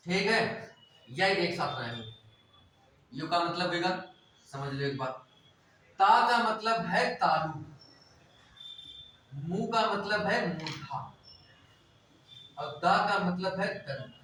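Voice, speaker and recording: A man's voice: high voice, animated, slow pace, long pauses, pushed and bright, distant mic. A man teaching a class, explaining step by step and asking questions that he answers himself. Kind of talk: classroom lecture. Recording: echoey room, voice off-mic.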